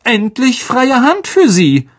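A man's voice: sits high, animated, moderate pace, a little mellow, slightly rough, pitched above the performer's own voice. A man voicing a stern older female teacher in an audiobook reading, grave and commanding. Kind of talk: audiobook character voice.

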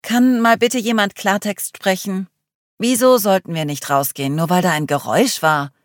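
A woman reads the part of a blunt, gloomy young woman who keeps to herself, sounding sarcastic and grumbling. She speaks at medium pitch and a moderate pace, pitched above her natural voice and only lightly acted, in a dry, clean studio recording.

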